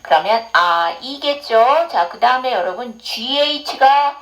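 A woman English teacher leads an online phonics lesson with a slightly high voice. Her pitch swings widely as she explains each sound patiently. She keeps putting questions to her students. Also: animated, a little slow, fairly bright tone, rough recording.

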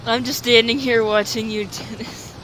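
A woman's voice: on the high side, steady tone, normal speed, fairly bright tone. A young woman chatting casually while playing a game, giggly and jittery, swearing playfully as her nerves get to her. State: jittery and shaky. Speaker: gamer recording a video. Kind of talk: casual gaming chat. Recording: clear background noise.

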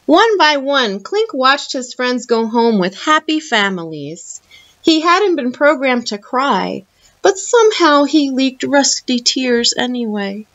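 A woman reads a children's picture book aloud at an unhurried pace, her fairly high voice rising and falling with lively expression. The sound is dull and muffled, as from a lo-fi home recording. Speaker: library storytime reader. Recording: muffled lo-fi audio.

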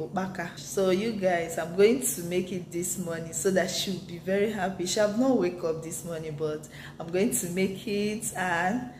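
A woman's voice: on the low side, darkish tone, echoey room, a little hiss or hum, rough recording. A woman in her thirties chatting casually to camera in a home kitchen as she cooks for her vlog. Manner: chatty, talks straight to camera while cooking. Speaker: vlogger.

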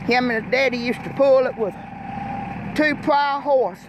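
A young man talks in a folksy, rambling way. His voice sits high and his pace is slow and easy. He records on his phone outdoors in a farm field, with a tractor engine loud behind him. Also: dull audio, noisy background. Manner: rambling, folksy, loose grammar. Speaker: farm vlogger. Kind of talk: casual farm vlog. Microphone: phone camera.

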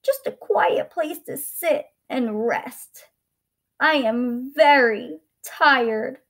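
Woman putting on a slow, weary old man. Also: sits high, a bit bright, voice pushed up, heavily acted. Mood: tired, resigned. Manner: tired, drawn-out delivery. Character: weary, frail old man, sad and toothless. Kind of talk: children's storybook voice.

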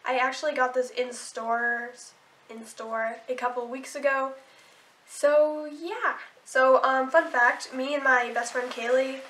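Sore-throated and stuffy-nosed, a teenage girl talks about clothes in a casual haul video, her voice high-pitched and fairly bright. The room echoes, and she stays bubbly, restarting often and saying "like" a lot.

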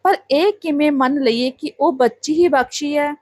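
A fair-minded village husband who reasons calmly and firmly. A woman reads him in her own high voice. The recording is close and dry. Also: moderate pace, no room sound, close to an everyday voice. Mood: reasoning. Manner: reasoning, stern when needed.

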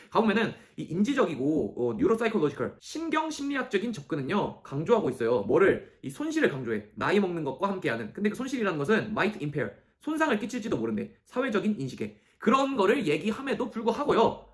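A man teaching English reading, walking through a passage and often checking whether students follow. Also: high-pitched. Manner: quick, emphatic, keeps checking understanding with "okay?"; asks and answers his own questions. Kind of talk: lecture explaining an English passage.

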